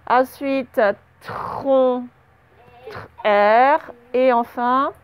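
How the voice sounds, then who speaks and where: A woman teaching young children a spelling and dictation lesson, speaking slowly and patiently and spelling words out letter by letter. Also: sits high, steady tone, clear, resonant tone. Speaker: primary school teacher. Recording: slightly dull, lo-fi home recording.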